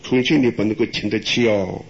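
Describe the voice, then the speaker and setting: A man's voice: fairly low pitch, fairly even intonation, fairly quick, creaky. An older man, a Buddhist monk, giving a folksy dharma talk, answering questions with rhetorical questions and chuckles. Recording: dull lo-fi recording.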